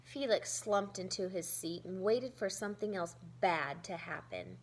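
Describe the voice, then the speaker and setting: A woman's voice: medium pitch, expressive, a little slow, slight background noise. A woman teacher reading a children's story aloud expressively, with simple asides explaining it to young listeners.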